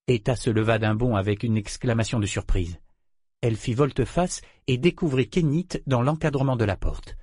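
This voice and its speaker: A male audiobook narrator tells the story in a measured, steady way. His voice sits in the middle range. The recording is close and dry, with no room around it. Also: mid-range voice, breathy edge, no echo. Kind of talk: scripted narration.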